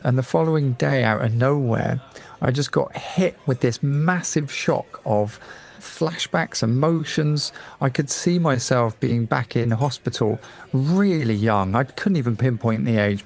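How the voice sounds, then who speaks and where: A middle-aged man from England, a guest on a radio talk show, telling a personal story in a lively way and acting out the voices of people he quotes. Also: medium pitch, gravelly.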